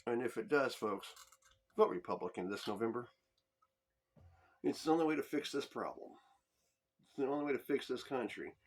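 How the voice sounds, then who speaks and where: A man's voice: medium pitch, animated, moderate pace, pauses often, a little hiss or hum. A man hosting a podcast, delivering a heated, profane political commentary monologue. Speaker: podcast host.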